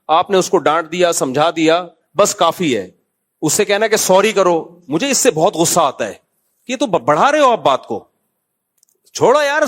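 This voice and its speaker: A man preaching in a Pakistani Urdu accent, his voice sitting a little higher than most men's. He talks in a loose, conversational way, mixing anecdotes with gentle scolding. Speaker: mufti giving a religious talk. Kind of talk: informal sermon.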